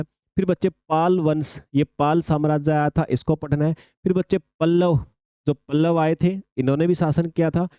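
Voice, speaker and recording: A man lecturing, repeating himself and putting questions to his students. His voice sits fairly high and sounds warm and relaxed. The sound is close and dry, with no room around it. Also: no room sound. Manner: addresses students as "children", repeats points, asks rhetorical questions. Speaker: exam coaching teacher. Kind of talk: lecture on exam syllabus.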